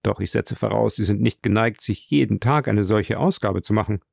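A man reading the part of a lively, teasing young nobleman with animated, exclaiming lines in an audiobook. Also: on the low side, moderate pace, gravelly, no echo, studio quality.

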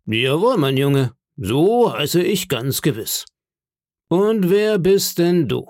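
A man voicing a jovial, cunning one-legged pirate innkeeper in a storybook reading, hearty and booming with blustering indignation. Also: big pitch swings, slow, darkish tone, dry recording, clean studio sound, exaggerated voice.

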